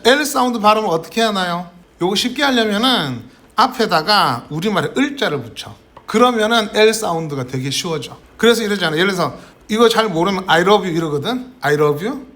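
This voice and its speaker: A male English teacher with a high, bright voice lectures students in Korean, weaving English phrases through his explanations. He starts sentence after sentence with a quick "자" and keeps checking with the class. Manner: frequent "자" fillers, mixing Korean and English.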